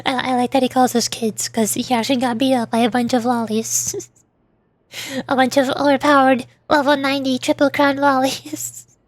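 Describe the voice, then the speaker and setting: Speaking at a moderate pace in a high, level-toned voice, a woman streamer plays along with a video game by voice-acting its parts. She keeps things casual and playful, frequently thinking aloud in a hesitant way. The recording is dry, though game music sits behind her voice.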